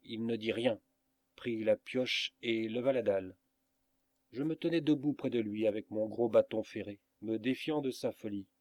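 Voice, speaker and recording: A man reading a storybook aloud as narrator, in a measured, dramatic manner. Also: fairly low pitch, a little mellow, no room sound. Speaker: audiobook reader.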